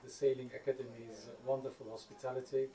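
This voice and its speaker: A man's voice: mid-range voice, level tone, quick pace, mellow. A man from Turkey giving a hesitant thank-you speech, full of fillers. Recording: echoey room, far from mic.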